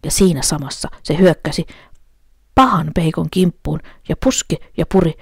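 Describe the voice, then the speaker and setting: A woman storyteller reading a children's story aloud at a gentle, unhurried pace. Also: low-pitched, gravelly, husky, dry recording, studio quality.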